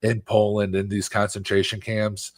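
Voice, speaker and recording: A man co-hosting a casual film review podcast, talking in a loose, animated way full of fillers. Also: on the low side, moderate pace, no echo. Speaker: podcast co-host.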